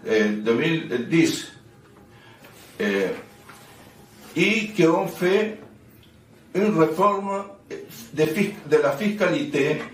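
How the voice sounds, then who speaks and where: An elderly man, a native Spanish speaker, delivers a commemorative speech in French with a clear Chilean Spanish accent. His pace is slow and halting as he searches for words. The recording is distant and roomy, with a little background noise. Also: a little high. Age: 70s. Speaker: speaker, NGO president. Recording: distant mic, roomy echo, faint noise.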